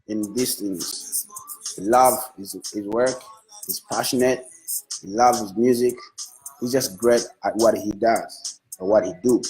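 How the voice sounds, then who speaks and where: This man, a Swahili-speaking music manager, has a medium-pitched, slightly mellow voice. He talks on a Facebook live through his phone, praising an artist with repetitive enthusiasm and frequent restarts, in a low-quality recording.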